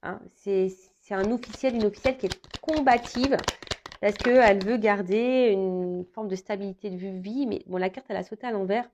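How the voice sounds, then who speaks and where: Woman tarot reader talking casually to viewers, halting delivery full of fillers, slightly muffled recording. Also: mid-range voice, a little mellow. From France. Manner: hesitant, many fillers and restarts.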